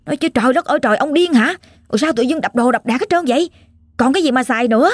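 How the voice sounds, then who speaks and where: A woman's voice: mid-range voice, expressive, brisk, darkish tone, breathy edge, no echo, clean studio sound. A woman with a Southern Vietnamese accent voicing a frightened old grandmother who cries out and pleads with her husband. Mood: alarmed scolding.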